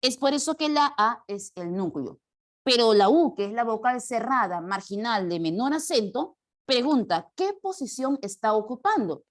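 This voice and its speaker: A woman's voice: on the high side, animated, moderate pace. A woman teaching a grammar class, explaining step by step and asking the students questions. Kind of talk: classroom lecture.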